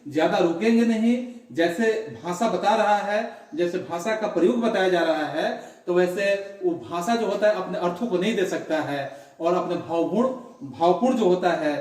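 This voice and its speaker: A man teaching a grammar lesson in a classroom, explaining slowly and repeating his examples. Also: high-pitched, a little mellow. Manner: slow, repetitive explaining with examples. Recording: very echoey room, voice from far off.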